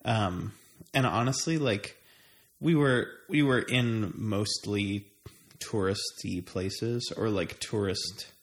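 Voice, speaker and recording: Trading travel tales over casual conversation, this American man talks slowly in a lowish voice. He hesitates often, as though working out his thoughts while he speaks.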